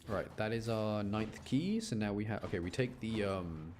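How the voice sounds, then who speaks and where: This man's voice sits on the low side and moves at a moderate pace, with music and noise behind him. He's a game streamer doing casual, chatty live commentary, frequently explaining things and cutting himself off.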